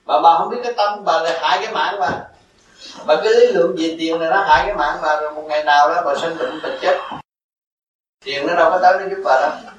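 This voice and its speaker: A man's voice: on the high side, brisk, long pauses, fairly bright tone, echoey room, distant mic, dull audio, a little hiss or hum. An older man giving a Buddhist dharma talk, answering a follower in a rambling, repetitive, folksy way and chuckling as he teaches.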